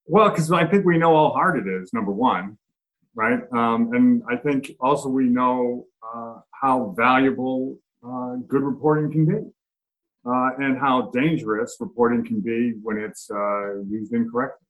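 A man, an author and reporter, answering interview questions in a relaxed way with frequent fillers. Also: mid-range voice, measured pace, rough recording.

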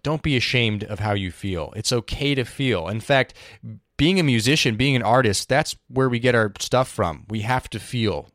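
A man in his thirties hosting a jazz education podcast, telling a personal story in a relaxed, thoughtful way with many fillers. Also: on the low side, dry recording, clean studio sound. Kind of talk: casual storytelling monologue.

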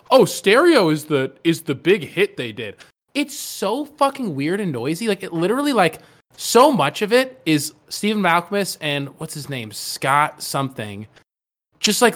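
A man's voice: on the high side, a bit bright. A man in casual podcast chat, rambling with many fillers and firm opinions.

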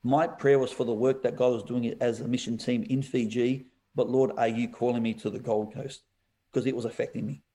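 During a podcast interview, a male pastor recounts a story in a lively, animated manner, laughing often and calling the listener "bro." His voice is middle-pitched and a little fast.

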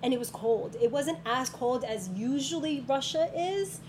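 A woman's voice: sits high, measured pace. A woman school counselor chatting casually in an interview, telling stories with frequent ums. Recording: steady background noise.

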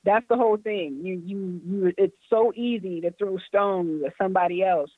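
A man with a high voice calls into a podcast, heard through a tinny, clipped phone line that keeps breaking up. He talks bluntly and in an exasperated way, swearing freely. The sound is dry and close. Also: normal speed, no echo. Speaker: podcast co-host. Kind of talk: casual chat. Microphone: phone call.

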